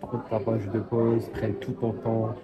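A man at a fast-food table talking bluntly in slang, teasing his friend. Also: on the low side, monotone, dull audio, over loud music. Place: busy fast-food restaurant. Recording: phone mic in a noisy crowded restaurant.

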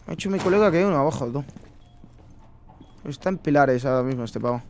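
A man's voice: medium pitch, expressive, fast, slight background noise. A young man from Spain with a Spanish accent, ranting and swearing in casual commentary over his own gameplay. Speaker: gaming streamer. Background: game sounds.

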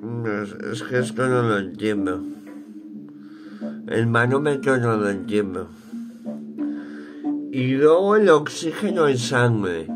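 With music underneath, a thirtysomething man with a Peninsular Spanish accent talks in an expressive, mid-range voice. He's a vlogger musing aloud from a cramped, cluttered room in his home, casual and slow-paced, colloquial, rambling, and sprinkled with light swearing.

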